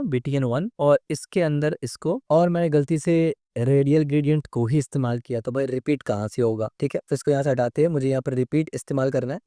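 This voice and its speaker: A man's voice: a little high, warm tone, no room sound, studio quality. A man with a sore throat and a cough, teaching a screen-share coding tutorial step by step and often checking in with "theek hai". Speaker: coding instructor.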